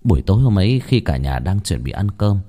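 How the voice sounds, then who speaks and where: A man's voice: deep voice, sing-song, a little fast, dark tone. A man narrating a ghost story in a dramatic, suspenseful manner.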